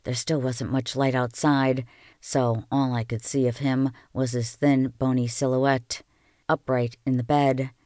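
A calm reader telling a novel aloud, with a smooth, clear voice of middling pitch. The sound is close and dry, with no room around it. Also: measured pace, no room sound. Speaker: audiobook reader.

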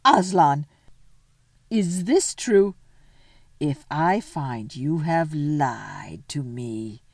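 A woman voicing a cruel, imperious witch queen in a storybook, slow, commanding and threatening. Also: sits low, expressive, a little mellow, dry recording, clean studio sound, full character voice. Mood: alarmed threat.

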